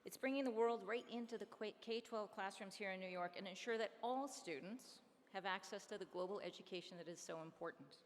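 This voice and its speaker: A woman hosting a fundraising dinner, briskly calling auction bids and coaxing donations in an upbeat, persuasive way. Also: mid-range voice. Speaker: charity auctioneer and fundraiser host. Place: large hall at an awards dinner. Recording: long reverb hall, faint room noise.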